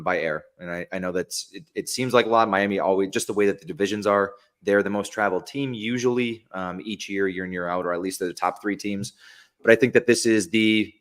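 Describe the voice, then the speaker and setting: Rambling low-voiced man, podcast co-host. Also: a bit bright. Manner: rambling, restarts and corrects himself. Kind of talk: casual sports chat.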